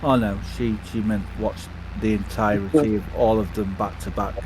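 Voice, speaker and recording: A man chatting casually while gaming, relaxed and hesitant with many fillers. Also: on the low side, normal speed, slight background noise, low-quality recording. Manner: laid-back, hesitant with many ums. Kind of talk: casual chat.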